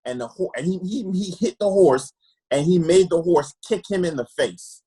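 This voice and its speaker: Husky-voiced man from Trinidad, earnest. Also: sits high, expressive, moderate pace, dark tone, low-quality recording. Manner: earnest, repeats words while searching for them. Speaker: optometrist guest. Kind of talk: candid personal storytelling.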